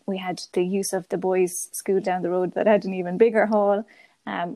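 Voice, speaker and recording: A woman's voice: medium pitch, mellow, no room sound. A woman with a west of Ireland accent chatting enthusiastically as an interview guest on a podcast. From Galway, west of Ireland. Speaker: podcast guest, primary school teacher. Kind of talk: conversational interview answers.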